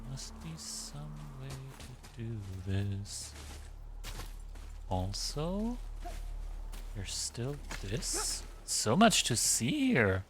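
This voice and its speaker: A man's voice: mid-range voice, wildly swooping pitch, very slow, long pauses. A man giving casual, rambling commentary while streaming a video game, swearing casually. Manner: chatty, rambling, swears casually, many restarts.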